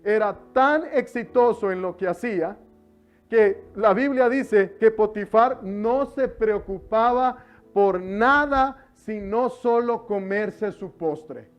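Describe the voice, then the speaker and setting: A man's voice: sits high, slow pace. A man preaching a sermon in church, joking with the congregation and drawing out words for emphasis. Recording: slightly dull sound with music behind.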